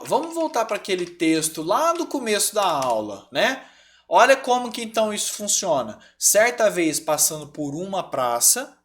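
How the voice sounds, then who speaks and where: Lively Brazilian man teaching grammar. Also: high voice. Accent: Brazilian Portuguese. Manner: lively, checks in often with "certo?" and "tá?". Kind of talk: online grammar class.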